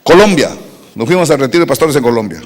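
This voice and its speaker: A man's voice: mid-range voice, expressive, fast talker, in a large hall. A man from Costa Rica, a pastor preaching a sermon, telling humorous stories and speaking straight to the congregation. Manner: humorous storytelling, addressing the congregation directly.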